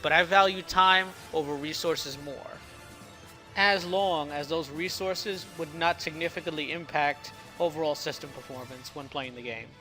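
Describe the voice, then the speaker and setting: Man with slightly slurred speech, bright voice. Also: fairly high pitch, steady tone, moderate pace, soft background music. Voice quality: slightly slurred speech from a swollen lip and cut tongue. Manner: occasional stumbles and stutters. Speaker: indie game developer narrating a devlog. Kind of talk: casual explanatory devlog talk.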